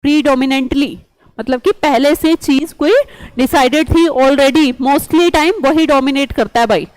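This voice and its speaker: A woman's voice: high voice, a little slow, a little mellow, dry recording, low-quality recording. A woman teaching an online vocabulary lesson, chatty and coaxing, quizzing students with memory tricks.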